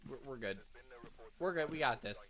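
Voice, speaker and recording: A streamer chatting casually and excitedly while playing a game with a friend. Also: medium pitch, moderate pace. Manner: excitable, animated, joking. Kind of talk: casual gameplay chat.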